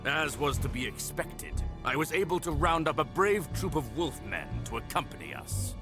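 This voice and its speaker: A gravelly, scornful wolf chieftain barks at his followers, as a man voices him, his pitch rising and dropping widely. He sounds curt and domineering throughout. Game music plays steadily behind him. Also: very animated, moderate pace. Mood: commanding. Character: scheming gravelly male wolf pack leader. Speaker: villain.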